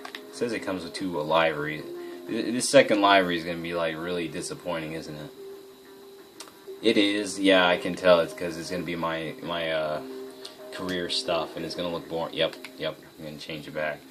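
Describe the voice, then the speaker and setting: Brief: low-voiced male gamer, loose rambling play-by-play, game music playing underneath. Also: fairly even intonation, normal speed. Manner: rambling, self-correcting, thinking aloud. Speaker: gaming video host. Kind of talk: casual gameplay commentary.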